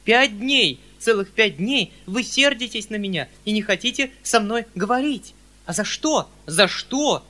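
A man's voice: sits high, a little slow, pitched above the performer's own voice, exaggerated voice. Man doing a flustered pleading uncle. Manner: excited, pleading, declamatory. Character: flustered kindly middle-aged landowner uncle, pleading.

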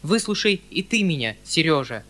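A man voicing a flustered, kindly middle-aged landowner who pleads excitedly with his family. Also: on the high side, moderate pace. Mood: pleading.

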